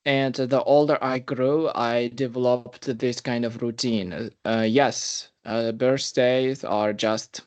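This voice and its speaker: A man's voice: mid-range voice, steady tone, slow pace, few pauses. A man in his twenties hosting a casual podcast chat, talking in an earnest, reflective way and giving brotherly advice. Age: 20s. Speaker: podcast host.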